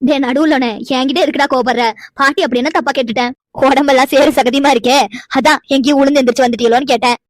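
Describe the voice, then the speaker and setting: A teasing old village grandmother in a cartoon, scolding her grandsons in a high, rapid voice, as a woman acts her out. She is bossy and blunt. The sound is dry and close. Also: fairly even intonation, no echo, natural voice. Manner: scolding, teasing, quick-talking. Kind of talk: cartoon voice acting.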